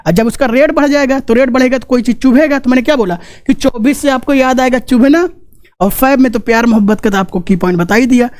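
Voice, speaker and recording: A man's voice: very high-pitched, quick pace. A man teaching a casual exam-prep class with memory tricks, joking, chatty and repeating key points. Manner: joking, chatty, asks rhetorical questions.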